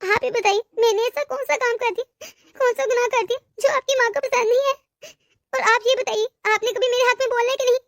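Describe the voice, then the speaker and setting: A timid, put-upon young wife in a cartoon story, voiced by a woman, pleading in a very high, thin voice. The sound is dry and close. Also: steady tone, fairly quick, gravelly, no echo. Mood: reproachful. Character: meek, put-upon young daughter-in-law.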